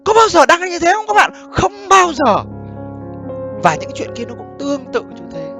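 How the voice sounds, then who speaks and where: A man's voice: extremely high pitch, huge pitch swings, normal speed, over music. A man talking casually to viewers as a host giving relationship commentary, blunt and sweary, often checking that listeners follow. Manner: blunt, profane, often asks "understand?" and "right?". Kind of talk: casual monologue addressed to viewers.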